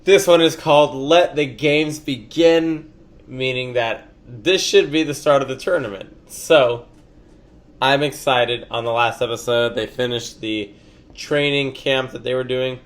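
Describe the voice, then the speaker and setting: A man's voice: mid-range voice, unhurried. A man with a stuffy nose hosting an anime reaction vlog, chatting casually and upbeat, laughing often. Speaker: anime reaction channel host.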